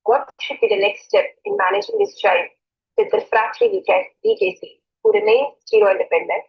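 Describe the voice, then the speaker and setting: A woman's voice: very high voice, sing-song, moderate pace, creaky. A woman doctor giving a scripted clinical case presentation. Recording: dull, telephone-like online call audio.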